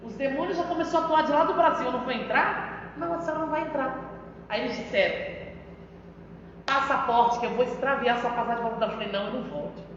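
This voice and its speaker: Brazilian woman missionary sharing her testimony, high voice, long church reverb, dull sound. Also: quick pace, a little hiss or hum. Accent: Brazilian Portuguese. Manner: emphatic, addresses the pastor often. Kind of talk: testimony preaching. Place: church hall.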